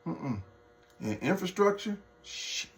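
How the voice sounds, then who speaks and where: A man's voice: high voice, very animated, slow. Man ranting heatedly to his viewers. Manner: heated, mocking and profane; talks straight to viewers as folks. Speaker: political vlogger. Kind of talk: off-the-cuff political rant.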